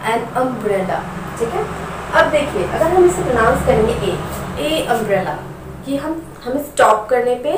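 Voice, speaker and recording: A woman teaches grammar at a slow, careful pace, her voice sitting a little high. She repeats each practice word several times and poses questions to her learners. The sound is echoey and a bit distant from the mic, with a faint hiss behind it. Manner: patient, repeats words slowly for practice; asks rhetorical questions. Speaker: English teacher.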